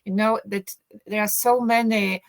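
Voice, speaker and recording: A middle-aged Polish woman who teaches at a university speaks English as a non-native speaker in a relaxed interview. Her mid-range voice is unhurried, with vocal fry. She thinks aloud in casual conversation, joking, with many fillers and restarts.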